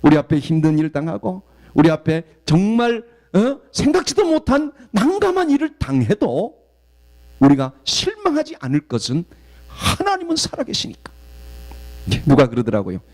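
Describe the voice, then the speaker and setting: A man from southeastern Korea, a guest pastor preaching a sermon and telling stories in an animated way. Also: sits high, normal speed. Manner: animated storytelling, acts out quoted voices.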